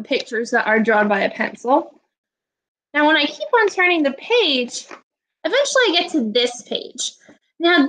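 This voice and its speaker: This primary teacher in her twenties has a high-pitched, forceful voice, giving young pupils clear instructions and encouragement during a read-aloud video lesson. She records from a small room at home through a webcam or laptop microphone on a video call, and the quality is low.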